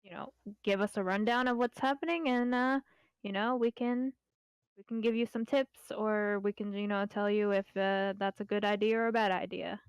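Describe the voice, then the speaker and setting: A woman leading an informal online community meeting as an admin, explaining things in a halting, conversational way. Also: mid-range voice, clean tone, no room sound.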